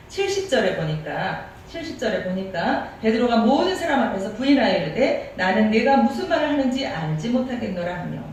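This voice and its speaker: A middle-aged woman from Seoul preaches to her congregation in a crisp, clear-cut way, often throwing questions back at them. Her voice rings through a very echoey sanctuary and sounds a little distant from the mic, with a faint hiss underneath. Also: mid-range voice, a little mellow. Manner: crisp, clear-cut delivery with rhetorical questions and occasional laughs. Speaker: pastor. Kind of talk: sermon. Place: church sanctuary.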